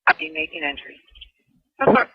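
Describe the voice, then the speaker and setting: A man working as a police dispatcher over a walkie-talkie, briskly reading back each call. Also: no echo. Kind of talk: terse police radio calls. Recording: archival lo-fi police radio.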